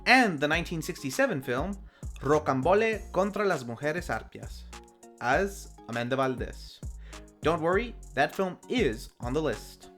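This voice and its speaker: Narrating a scripted film recap with playful, tongue-in-cheek theatrical asides, the host of a film review show speaks in a fairly high, fairly bright voice. There's faint background music under him.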